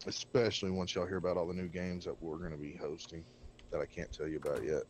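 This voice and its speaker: A man's voice: deep voice, little pitch movement, fast, slight background noise. A man chatting bluntly and rambling on a gaming stream, talking with a cigarette in his mouth. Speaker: game server co-host. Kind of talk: casual gaming stream chat. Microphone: desk microphone by keyboard.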